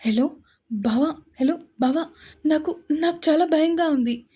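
A woman's voice: high voice, moderate pace, warm tone, pitched above the performer's own voice, lightly acted. A woman voicing a frightened young woman, tearful and pleading. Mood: scared. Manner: pleading, shaky.

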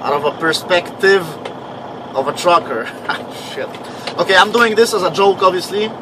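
A man's voice: high-pitched, expressive, moderate pace, noisy background. A man in his thirties with a foreign accent, English not his first language, vlogging from his truck cab at night in a rambling, swearing, self-mocking way. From Canada. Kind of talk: casual vlog diary.

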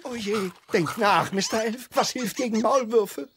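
A woman's voice: a little high, unhurried, faint music behind. A woman voicing a dutiful, orderly grown-up elf in a cartoon, earnest and fussy about tidiness. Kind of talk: cartoon dub acting.

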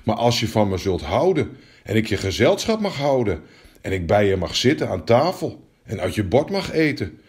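A man's voice: medium pitch, darkish tone, slightly rough. A man voicing a small, persistent male frog in a storybook fairy tale, who keeps pleading. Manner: insistent, repeats his calls.

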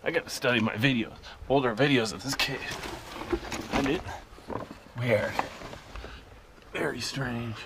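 A man's voice: mid-range voice, unhurried, long pauses, very noisy. A man exploring a lava tube cave and filming himself, muttering casual asides as he goes. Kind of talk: casual vlog narration.

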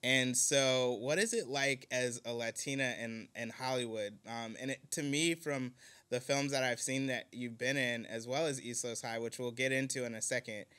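Smooth, bright-toned male interview host. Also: mid-range voice. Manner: enthusiastic, uses many fillers. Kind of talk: casual interview questions.

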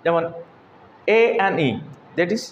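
A man teaching an English pronunciation lesson. He explains step by step, asks questions and answers them himself, and says example words slowly several times. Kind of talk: classroom lesson. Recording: echoey room, dull lo-fi sound, faint noise.

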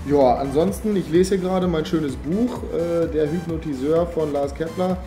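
Over music, a young adult vlogger with a slight cold chats to the camera in an upbeat, slangy manner, using a phone or camera held at arm's length. His voice is a little high and goes at a normal speed. He films outdoors on residential streets and indoors in a living room.

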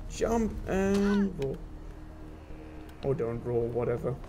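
A man's voice: mid-range voice, expressive, takes it slowly, music in the background. A man giving let's play commentary, frustrated and swearing as he talks to himself and his viewers. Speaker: gameplay commentator.

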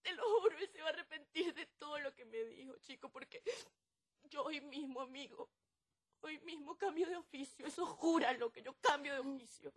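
A woman's voice: high voice, normal speed, natural voice. An actress playing a hurt, crying woman in a telenovela, vehement and distressed. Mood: tearful. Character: hurt woman vowing to change her life. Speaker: soap opera character. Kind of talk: telenovela acting.

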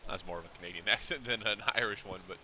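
A man's voice: on the low side, quick pace, pushed and bright. A man giving casual, jokey let's-play commentary while playing a video game. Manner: jokey, mock-dramatic. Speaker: gameplay commentator.

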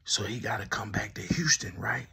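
A man delivers teasing commentary straight to the camera, needling his target and breaking into laughter often. His voice is rough and gravelly with a bright, sharp edge. His pitch swings widely as he talks. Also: expressive, normal speed. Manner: teasing, laughs often, addresses the subject directly. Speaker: commentary host. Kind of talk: mocking commentary speaking to the camera.

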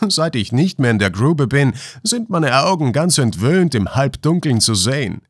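A man's voice: mid-range voice, very animated, normal speed, slightly rough, no room sound, studio quality, voice pushed up. A man voicing a cheerful young male miner who laughs easily and talks merrily, in a storybook reading. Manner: merry, laughing.

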